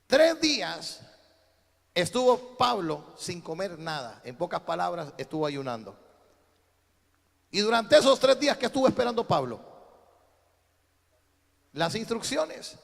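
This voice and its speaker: A man's voice: sits high, gravelly, a bit bright, long reverb tail. A male pastor preaching a sermon, asking rhetorical questions and calling on the congregation to repeat after him.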